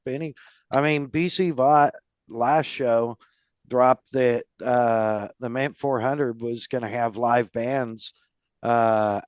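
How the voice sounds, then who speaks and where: A man's voice: medium pitch, clear, resonant tone, no room sound, studio quality. A man hosting a casual podcast, friendly and loose, laughing often. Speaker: podcast host.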